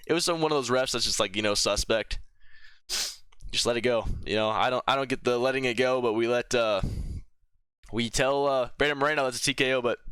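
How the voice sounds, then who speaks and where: Bright, crisp-voiced young man ranting. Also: mid-range voice, no room sound, studio quality. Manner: rambling, opinionated, with filler words and restarts. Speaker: MMA commentary vlogger. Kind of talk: casual fight reaction commentary.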